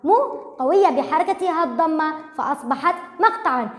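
High-voiced woman teaching in an echoey room. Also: expressive. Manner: slow and patient, sounding out syllables and repeating them. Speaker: primary school Arabic teacher. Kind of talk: recorded lesson for young pupils.

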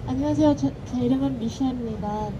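A woman from the United States speaking halting, apologetic non-native Korean with an American accent, as a volunteer from an audience. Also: sits high. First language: English. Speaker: audience volunteer at a street dance show. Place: outdoor busking spot with street noise. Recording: muffled, noisy outdoor street recording.

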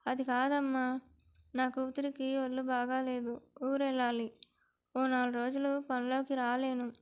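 A woman's voice: high voice, little pitch movement, unhurried, clean tone. A woman storyteller voicing a poor housemaid who pleads for her wages in plain village speech. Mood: pleading.

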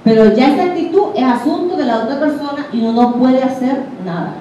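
A woman's voice: sits high, expressive, fairly quick, warm tone, a little hiss or hum. A woman with a Venezuelan accent teaching a group in a conversational way, often putting questions to her listeners. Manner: conversational, questions the audience directly. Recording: echoey room, distant dull mic.

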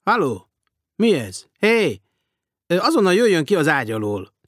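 A man voicing an eager, polite, loud red-haired millionaire in an audiobook. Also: mid-range voice, lively intonation, dry recording, studio quality, voice pushed up. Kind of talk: audiobook character voice.

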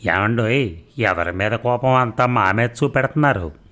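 A man's voice: mid-range voice, moderate pace, pushed and bright, close to an everyday voice. A man voicing a haughty young woman student who loves to tease and mock. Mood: teasing. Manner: teasing, mocking.

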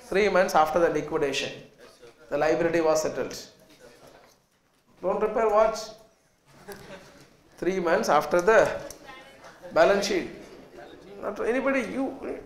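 A man's voice: high-pitched, lively intonation, a little slow, pauses often. A man in his thirties with a South Indian accent, teaching a class emphatically, repeating points and putting questions to students. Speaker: accountancy lecturer. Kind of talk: classroom lecture. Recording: echoey classroom with students faintly audible.

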